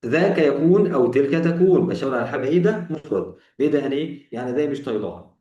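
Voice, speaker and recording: A man's voice: mid-range voice, expressive, very fast, warm tone, far from the mic, lo-fi sound. A man with an Egyptian Arabic accent teaching an English grammar lesson, explaining step by step, repeating examples and asking rhetorical questions. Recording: echoey room, voice off-mic.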